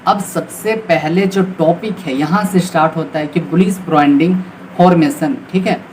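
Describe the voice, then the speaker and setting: This trading tutor, a man with an Indian accent, walks beginners through an informal, explanatory lesson, frequently pausing for quick confirmations. He speaks at a moderate pace in a fairly high pitch with a darkish tone. Background ambience makes the recording clearly noisy.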